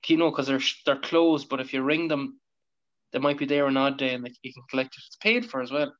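A man's voice: medium pitch, brisk, fairly bright tone. A man with an Irish accent chatting casually and colloquially, with some swearing, as a podcast co-host on an online call. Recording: dull lo-fi online call audio.

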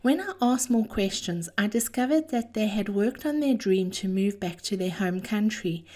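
A woman hosting an encouragement podcast, reading a scripted motivational monologue in a measured, deliberate way with affectionate, slightly theatrical emphasis. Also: mid-range voice, warm tone. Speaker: host of a daily encouragement podcast.

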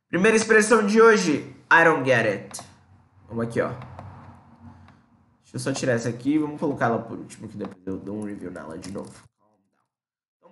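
A man with a Brazilian accent teaching English in a casual lesson, explaining in Portuguese and saying English phrases slowly. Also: mid-range voice, a bit bright, echoey room.

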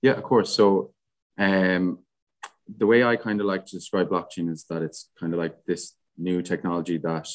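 A young man with a west of Ireland accent, talking casually and haltingly as an interview guest. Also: low voice, flat delivery. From Galway, west of Ireland. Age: young adult. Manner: hesitant, halting, frequent "like". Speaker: podcast guest, student society president.

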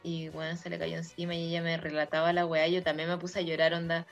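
A woman with a Chilean accent, chatting casually and telling animated, slang-heavy stories. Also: on the low side, fast talker. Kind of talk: casual chat. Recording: dull lo-fi audio with faint music.

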